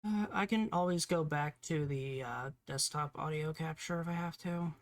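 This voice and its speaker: A man's voice: fairly high pitch, normal speed. A man hosting a live gaming stream in casual chat. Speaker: streamer, host.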